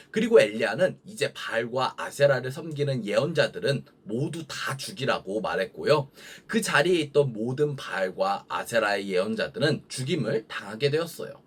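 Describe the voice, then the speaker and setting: A young man preaching a children's sermon, telling the story in a gentle, sing-song way for kids. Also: mid-range voice, breathy edge.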